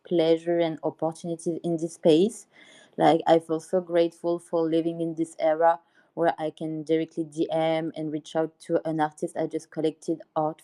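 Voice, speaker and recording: A woman speaking as a guest in a low, level voice. Her tone is mellow, and she sounds upbeat and enthusiastic throughout the casual conversation. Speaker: guest, art curator. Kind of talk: casual chat.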